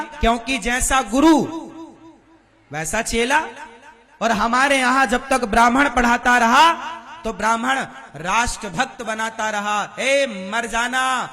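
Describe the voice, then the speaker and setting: A man's voice: very high voice, pushed and bright. A man preaching a devotional sermon to a live crowd, firing questions at the listeners and demanding answers. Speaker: religious preacher.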